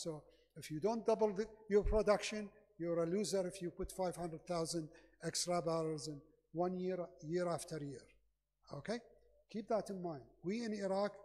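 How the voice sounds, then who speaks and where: A high-voiced, rough-edged man with as his gives a podium speech in a reverberant hall. He is emphatic and persuasive, punctuating points with rhetorical questions. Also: darkish tone. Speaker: conference speaker. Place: large conference hall.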